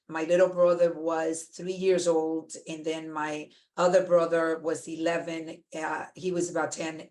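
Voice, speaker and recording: Low-voiced woman from the Republic. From Dominican Republic. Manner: earnest, measured storytelling. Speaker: guest, medical center CEO. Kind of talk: personal testimony in a podcast interview.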